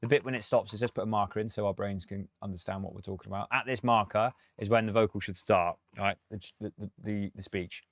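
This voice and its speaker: Male producer streaming a tutorial; casual, rambling, laughs a lot, low voice. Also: fairly even intonation, quick pace, few pauses, no echo. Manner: chatty, thinks aloud, laughs often. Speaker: music producer.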